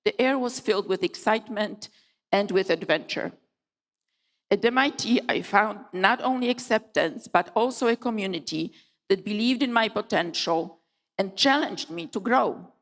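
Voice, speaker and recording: A middle-aged woman from Poland giving a formal opening speech at a conference, measured and emphatic with deliberate pauses. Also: mid-range voice, animated, fairly bright tone. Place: large conference hall. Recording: long hall reverb.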